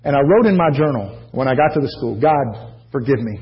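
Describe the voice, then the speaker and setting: American pastor, storytelling sermon, lo-fi. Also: male voice, mid-range voice, expressive, a little fast. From United States. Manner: folksy storytelling with jokes and asides to the congregation.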